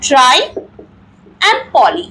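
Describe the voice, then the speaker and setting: A woman with a very high, lively voice teaches a grammar lesson. She asks her own questions and answers them, stretching each example word into slow, clear syllables, with a faint hum of the room behind her. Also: low-quality recording. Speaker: English teacher. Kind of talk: classroom-style grammar lesson.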